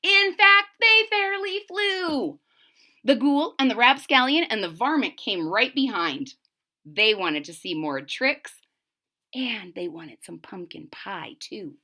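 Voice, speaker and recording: This storybook reader has a fairly high voice and takes a slow pace. She performs a children's tale dramatically and expressively, pausing for asides and putting questions to her audience in an animated way.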